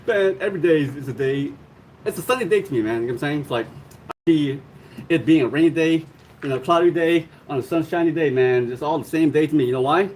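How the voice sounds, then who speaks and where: A man's voice: a little high, slight background noise. A young man from Long Beach, California, telling loose slangy stories on a casual livestream, laughing often.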